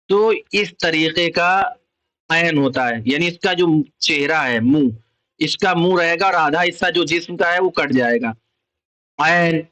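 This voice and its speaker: A man's voice: a little high, pushed and bright, rough recording. A man with an Urdu accent teaching children the Arabic letters, explaining patiently and repeating each letter and its sound. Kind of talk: slow explanatory lesson.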